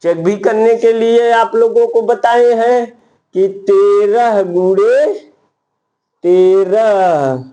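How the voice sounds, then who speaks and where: Slow, high-voiced man teaching maths. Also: fairly even intonation, mellow. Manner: slow, repetitive counting, addresses viewers as friends. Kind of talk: casual maths tutorial.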